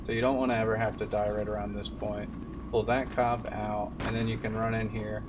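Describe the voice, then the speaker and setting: A man in his twenties streams a game run from his desk indoors, offering casual live commentary in a fairly low, level, brisk voice. The mic is distant, and game sounds and music play behind him.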